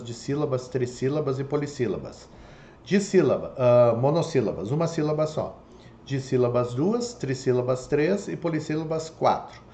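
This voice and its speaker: In an echoey room with faint background noise, a man with a mid-range, darkish voice teaches Portuguese online. He works through the lesson step by step, regularly using "tá?" and "ok?" to check understanding.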